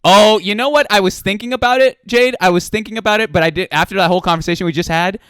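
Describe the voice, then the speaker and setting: A man in his late twenties hosting a casual livestream interview in a playful, animated way, repeating phrases for emphasis, close on the microphone. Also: sits high, quick pace, clean tone, dry recording. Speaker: interview show host. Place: small room at home. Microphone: close boom microphone with headset.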